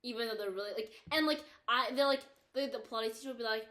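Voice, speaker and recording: A teenage girl co-hosting a podcast, chatting and telling stories in a lively way with lots of "like". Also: fairly high pitch, fast talker. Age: teens. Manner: chatty, animated, heavy use of "like". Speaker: podcast co-host. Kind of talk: casual chat and storytelling.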